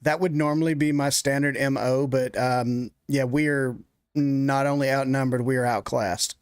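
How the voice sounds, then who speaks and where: A man's voice: medium pitch, fairly even intonation, clear, resonant tone, no room sound. Chatty man in a dry room. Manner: quick, chatty, describing character actions. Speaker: player. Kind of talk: casual game talk.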